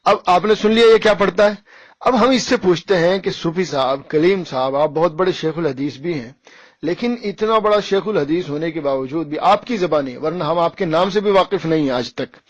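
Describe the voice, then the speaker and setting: High-voiced scornful cleric. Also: male voice, dry recording. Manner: scornful, challenging, rhetorical. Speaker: Islamic cleric and debater. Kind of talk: polemical recorded rebuttal. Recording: dull lo-fi dry recording.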